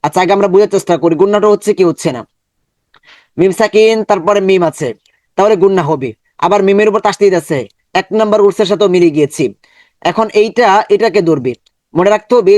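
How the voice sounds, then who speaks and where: Man, Bangladeshi Bengali accent, Quran recitation teacher, patient, repetitive drilling, high voice, dry close sound. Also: darkish tone, no echo. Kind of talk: step-by-step online lesson.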